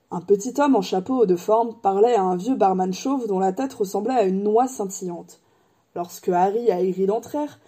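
A woman narrates a storybook at a measured, steady pace. Her voice is very dark and mellow, with a husky, breathy grain. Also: mid-range voice. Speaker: audiobook reader.

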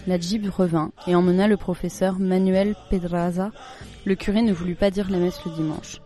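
A storyteller calmly reads a children's story aloud as an audiobook. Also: mid-range voice. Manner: calm, even storytelling.

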